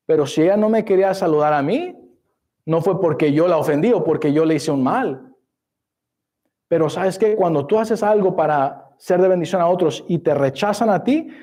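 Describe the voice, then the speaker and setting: A man's voice: high voice, mellow. A male pastor preaching a sermon in church, rising to emphasis and quoting scripture in formal old-style phrasing. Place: church sanctuary.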